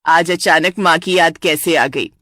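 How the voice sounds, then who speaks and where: A woman voicing a teasing middle-aged mother in a cartoon story. She speaks lower and jokes bluntly. The sound is dry and close. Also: unhurried, fairly bright tone, no room sound. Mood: joking. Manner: teasing, joking. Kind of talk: animated story voice acting.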